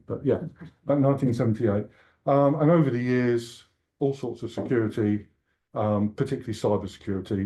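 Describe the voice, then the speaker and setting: With a lowish, mellow voice, an Englishman in his sixties jokes his way through a conference keynote. He's chatty and self-deprecating, addressing a conference hall.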